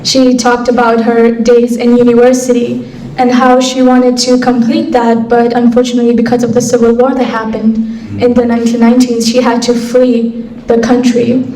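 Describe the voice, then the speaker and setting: A young woman from Afghanistan, a guest speaker answering interview questions in a soft, reflective way with frequent pauses. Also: a little high, completely flat delivery. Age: young adult. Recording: echoey hall, voice from far off mic, faint noise.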